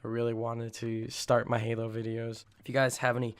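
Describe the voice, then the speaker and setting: A young man speaks with a raspy voice that sounds worn by illness. He gives casual gaming commentary straight to his viewers, earnest and full of opinions, at a medium pitch. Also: monotone, brisk. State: sick, rough voice. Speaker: gaming video creator.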